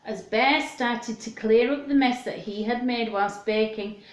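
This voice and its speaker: Reading aloud to young children at home, a woman hosts storytime in a sing-song, questioning style, chatting between passages. Her voice is a little high and a little slow, and the home room sounds echoey.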